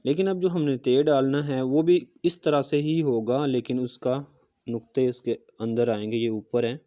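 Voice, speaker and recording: A man's voice: mid-range voice, fairly even intonation, moderate pace, warm tone. A man teaching a handwriting lesson, explaining patiently step by step while he demonstrates pen strokes with a marker. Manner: patient step-by-step explaining, often checking in with "okay". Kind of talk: recorded calligraphy lesson.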